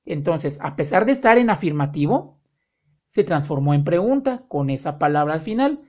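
A woman teaching an online language lesson, speaking directly to the learner and drawing out her example sentences slowly. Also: low-pitched, sing-song, darkish tone, highs cut off. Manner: slow, drawn-out example sentences, friendly direct address. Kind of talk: online lesson explaining grammar.

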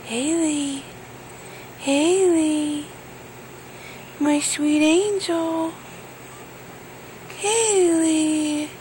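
A woman's voice: high-pitched, fairly even intonation, very slow, long pauses, dark tone, a little hiss or hum. A woman cooing to her newborn in sing-song baby talk, gasping and gushing between short phrases. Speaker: mother talking to her newborn.

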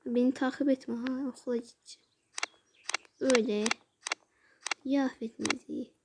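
A woman giving casual let's-play commentary as a gaming YouTuber, chatty and exclamatory, with sudden hushed asides. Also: sits high, fairly even intonation, moderate pace, very noisy.

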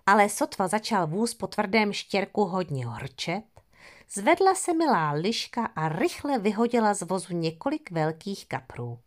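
A woman narrating an audio fairy tale in an expressive storybook manner. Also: medium pitch.

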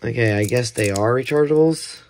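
Seated at a table indoors, a man hosts an unboxing video with unscripted, rambling commentary, hesitating and correcting himself often. His mid-range voice is slightly mellow at a moderate pace, with clear background noise and handling clicks.

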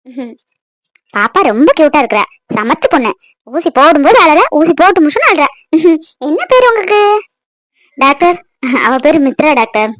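An exasperated young wife, voiced by a woman, scolds her weepy husband and coaxes her baby. Her voice is high and close to the mic, dry with no room around it. It is cartoon voice acting. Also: dry recording. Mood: coaxing. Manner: scolding, impatient, coaxing the baby.

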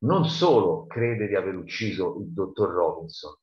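A man's voice: low voice, expressive, normal speed. A man reading a novel aloud and explaining it in a conversational way. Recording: roomy, dull lo-fi sound.

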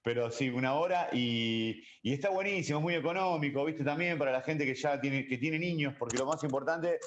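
A man's voice: a little high, a little fast, highs cut off, slight background noise. A man with an Argentine accent in casual chat, telling jokes and laughing at his own punchlines. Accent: Argentine Spanish. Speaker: comedian guest.

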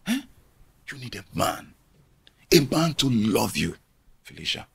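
An actor playing a scheming, smooth-talking man with a Nigerian English accent, chuckling and coaxing with an oily charm. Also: mid-range voice, sing-song, unhurried, heavily acted. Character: scheming smooth-talking middle-aged man, wealth-hungry. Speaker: family friend, widower-seeking suitor. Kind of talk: film drama dialogue.

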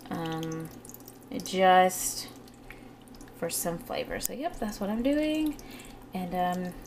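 A woman's voice: on the low side, big pitch swings, takes it slowly, a little mellow. A woman chatting informally and playfully as she narrates a home vlog on a handheld camera. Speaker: home vlogger. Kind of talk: casual vlog chat with narrated cooking. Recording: clear background noise.

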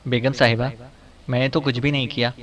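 A man's voice: medium pitch, flat delivery, a little fast, recorded from a distance, lightly acted. A man voicing a timid male household servant who speaks tearfully and very politely. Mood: pleading.

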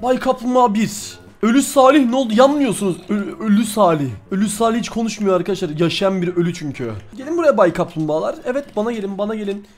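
A man's voice: high voice, fast talker, hardly any pauses, soft background music. A man giving playful, theatrical commentary on his own game, addressing viewers and in-game animals in a mock-dramatic tone. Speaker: gaming YouTuber. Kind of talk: playful Minecraft let's-play commentary.

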